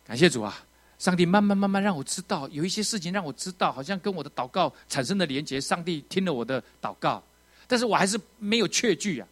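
A man preaching a testimony, telling his story with strong feeling, rising to loud outbursts and dropping to quiet moments. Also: sits high, fast. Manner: emotional, animated storytelling with sudden loud outbursts and quiet drops. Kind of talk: sermon testimony.

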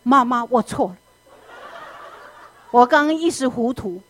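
A woman's voice: on the high side, expressive, a little slow, fairly bright tone, slight background noise. Woman doing a sweetly contrite child. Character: contrite child apologizing to mother.

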